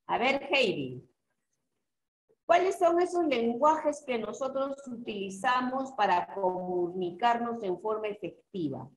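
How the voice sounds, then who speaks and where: A woman teacher with a Peruvian Spanish accent giving an online class, speaking slowly and checking in with students through repeated questions. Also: fairly high pitch, roomy sound, low-quality recording.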